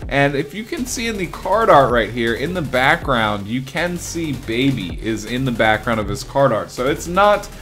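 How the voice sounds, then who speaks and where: A man's voice: medium pitch, sing-song, moderate pace, few pauses, a bit bright, soft background music. A young man hosting a gaming video, chatting casually and rambling with fillers. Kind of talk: casual commentary on game news.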